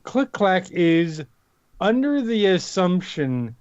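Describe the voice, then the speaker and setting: A man's voice: high voice, very animated, slow pace, darkish tone, no echo, highs cut off. A man playing a tabletop roleplaying game, chatting casually in a hesitant, wry way with some swearing.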